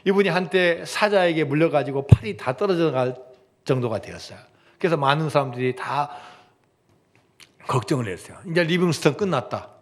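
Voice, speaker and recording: A man preaching a sermon as pastor, animated, acting out prayers and answers and often dropping to a hush. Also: fairly high pitch, moderate pace. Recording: church sermon recording.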